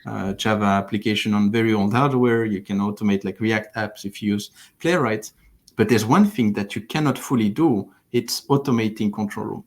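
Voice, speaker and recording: A man's voice: lowish voice, normal speed. A man in his thirties from France, explaining thoughtfully with frequent restarts as a platform engineering lead, on a headset over a video call from his living room. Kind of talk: livestream interview.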